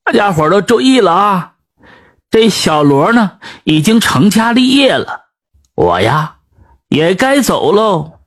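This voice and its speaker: Brief: man reading a kindly old grandfather in a folk tale, husky, fond and talkative. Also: high-pitched, sing-song, unhurried, exaggerated voice. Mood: solemn.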